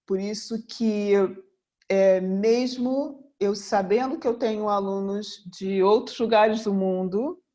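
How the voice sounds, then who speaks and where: A woman's voice: medium pitch, mellow. A Brazilian woman from Rio in her fifties addresses a room as a mentor and therapist. Her talk is earnest and motivational, and she keeps coming back to the same rhetorical question. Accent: Brazilian Portuguese. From Rio de Janeiro, Brazil. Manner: earnest, returns again and again to one rhetorical question. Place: room before a live audience.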